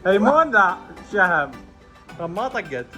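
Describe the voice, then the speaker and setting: A woman running a family game, giving brisk orders and often laughing. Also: mid-range voice, very animated, pushed and bright, faint music behind. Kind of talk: casual family game calling.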